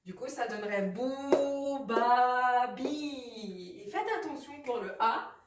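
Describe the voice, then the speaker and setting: A woman teaching how to read letters, patient and repeating sounds slowly with examples. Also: high voice, reverberant, far from the mic. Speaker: Arabic reading teacher. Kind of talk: explaining lesson.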